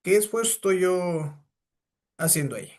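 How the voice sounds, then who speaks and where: A man's voice: high-pitched, expressive, normal speed, a little mellow. A man teaching a physics class, lecturing and firing questions at his students. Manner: asks the class many rhetorical questions.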